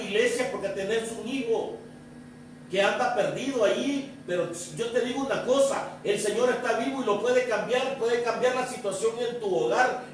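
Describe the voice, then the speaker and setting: A man's voice: extremely high pitch, a little hiss or hum. A man preaching a sermon as pastor, driving his points home with repeated rhetorical questions to the congregation. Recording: echoey church room, distant mic.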